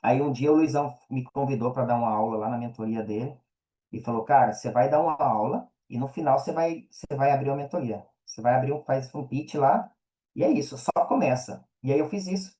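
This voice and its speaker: An affiliate marketer and mentor is interviewed, answering casually in a medium-pitched, dark voice that moves a little fast. He has a Brazilian Portuguese accent, uses slangy phrasing and keeps inserting check-in tags. The sound quality is poor.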